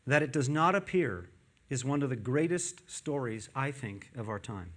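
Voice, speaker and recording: A man preaching a sermon in church, animated and playful, quizzing the congregation with questions and tossing in joking asides. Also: mid-range voice, moderate pace. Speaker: pastor. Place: church with a screen behind him.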